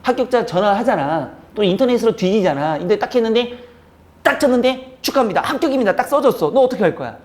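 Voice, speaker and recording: A male teacher giving a classroom lecture, teasing and scolding his students as he teaches, now and then acting out their reactions in squeaky voices. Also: lively intonation, fairly quick.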